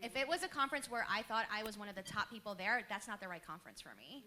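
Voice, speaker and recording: A woman, speaking on a panel with lively storytelling and laughter. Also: medium pitch, quick pace, slight background noise. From Queens, New York. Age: 30s. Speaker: panelist, business owner. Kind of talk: panel talk to a live audience.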